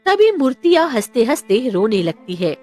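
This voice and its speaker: A woman tells a cartoon moral story with a high, lively, swooping voice. Faint music plays behind her. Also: normal speed. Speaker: narrator. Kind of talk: storybook narration.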